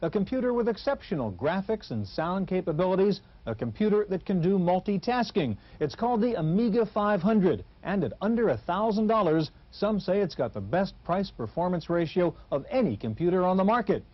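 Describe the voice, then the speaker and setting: A man's voice: high voice, sing-song, a little fast, hardly any pauses. An American man in his forties hosting a television technology show. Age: 40s. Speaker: TV host. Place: television studio. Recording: dull vintage TV studio sound.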